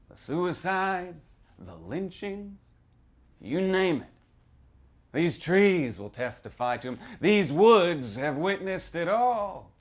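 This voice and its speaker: A man with a fairly high voice gives a dramatic first-person reading of horror fiction, playing a boozy old small-town storyteller. He's theatrical, cagey, and conspiratorial, repeating phrases and prodding the listener with "huh" and "hmm."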